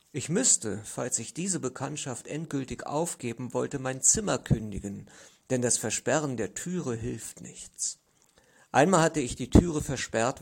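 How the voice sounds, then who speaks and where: A man reading a literary story aloud in the first person, measured and expressive. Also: mid-range voice, creaky, slightly rough. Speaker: audiobook narrator.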